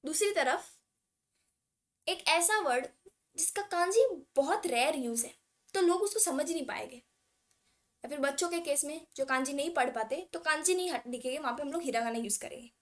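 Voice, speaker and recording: High-pitched woman teaching a language lesson. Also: expressive. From India. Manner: mixes English words into Hindi, reads syllable charts aloud slowly. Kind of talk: casual explanatory lesson.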